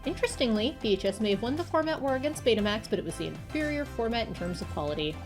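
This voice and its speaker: Voiced by a woman, this nerdy young man from a visual novel game is pompous about his obsessions and quick to turn defensive. He sounds nervous and fussy, stammering as he talks in a slightly high, expressive voice while music plays in the background.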